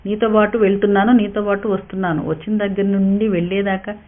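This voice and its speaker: A woman's voice: mid-range voice, steady tone, fast, close to an everyday voice. A woman voicing a proud young working wife who argues in a heated, defiant way. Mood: angry. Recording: tinny narrow-band sound.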